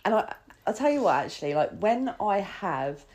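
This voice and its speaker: A woman with a mid-range, slightly mellow voice speaks at a moderate pace, her pitch swinging widely. As a podcast host sharing personal experience, she talks casually and confessionally, swearing, saying "like" often, and quoting herself.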